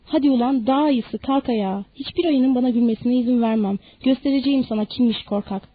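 A woman's voice: fairly high pitch, fast, dry recording, phone-quality sound, natural voice. A woman doing a snarling bully ranch hand. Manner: snarling, aggressive. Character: hot-headed bullying young ranch man.

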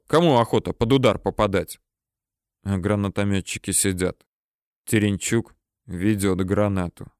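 A man narrates a novel as an audiobook in a steady, mid-pitched voice. He builds tension at dramatic moments. The sound is dry and close, with no room echo.

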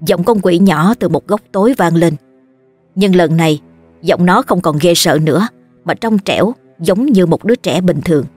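A woman narrating a horror audiobook with expressive storytelling. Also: fairly low pitch, moderate pace, husky, faint music behind.

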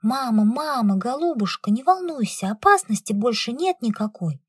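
A woman's voice: a little high, lively intonation, normal speed, slightly rough, no echo, clean studio sound, voice pushed up. A woman reading aloud and voicing a frightened young girl pleading with her ailing mother. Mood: frantic. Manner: pleading, anxious.

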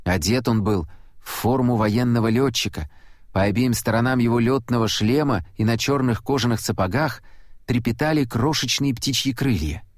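A man reads a story aloud in the first person with an even, steady delivery. His voice sits at a middle pitch and is recorded close and dry. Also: moderate pace, no echo. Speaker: audiobook narrator. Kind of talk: first-person audiobook narration.

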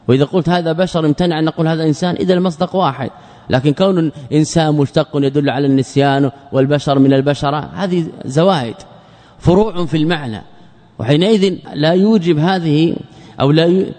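Male scholar, higher-pitched voice, teaching a class, deliberate and repetitive, in a reverberant hall. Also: a little mellow. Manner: repeats key words and asks the class rhetorical questions; measured, drawn-out explanation. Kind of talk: classical Arabic lecture. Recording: long reverb of a large hall.

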